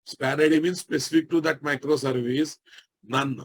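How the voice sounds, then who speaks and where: A man with an Indian Telugu accent giving a live technical lesson as a software instructor, repeating each phrase and checking that listeners follow. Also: fairly high pitch, steady tone, moderate pace.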